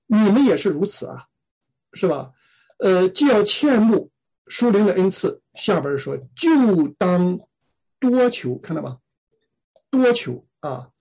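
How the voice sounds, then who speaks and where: A Bible teacher giving a sermon who keeps asking rhetorical questions and fills pauses with drawn-out "ah"s. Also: mid-range voice, dark tone, breathy edge. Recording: dull lo-fi recording.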